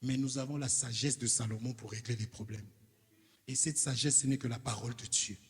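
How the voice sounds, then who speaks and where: Husky Congolese preacher in a hall. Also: male voice, mid-range voice, fairly even intonation, fairly quick. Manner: emphatic, preaching to the congregation with rhetorical questions. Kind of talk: sermon. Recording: reverberant hall.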